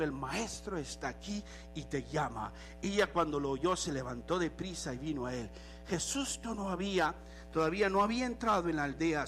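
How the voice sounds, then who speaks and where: A male pastor delivers an animated sermon and tosses in the odd English phrase. His voice sits high for a man. Soft music plays faintly behind him.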